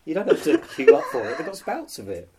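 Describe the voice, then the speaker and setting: Brief: male podcast host, animated pitch, light background hiss. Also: fast talker. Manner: joking, leads the show. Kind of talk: casual banter.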